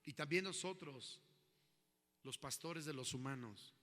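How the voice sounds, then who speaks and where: A man's voice: fairly high pitch, unhurried, sharp tone. Impassioned male pastor preaching in a hall. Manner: preaching with rising intensity and rhetorical questions. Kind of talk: sermon.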